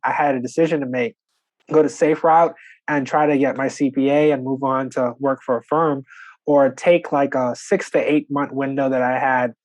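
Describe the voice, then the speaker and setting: A man in his twenties from the Bahamas, a podcast guest telling his story in a relaxed, conversational way with frequent "you know" and "like". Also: medium pitch, dry recording. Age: 20s. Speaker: podcast guest, real estate investor. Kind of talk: conversational interview.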